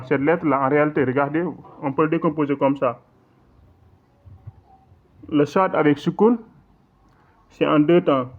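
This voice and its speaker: A man with a somewhat high voice teaches recitation in an online lesson, repeating points patiently and checking that listeners follow. He recites his examples slowly and with a drawn-out delivery. The audio is thin and tinny, like a phone line. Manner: patient, repetitive explaining with frequent check-ins; slow drawn-out recitation in demonstrations.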